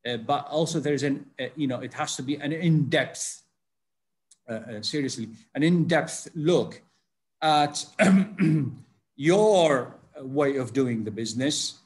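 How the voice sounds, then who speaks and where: A man's voice: fairly high pitch, slow pace. An older man speaking on a video call panel as a food safety consultant, rambling with many fillers and restarts.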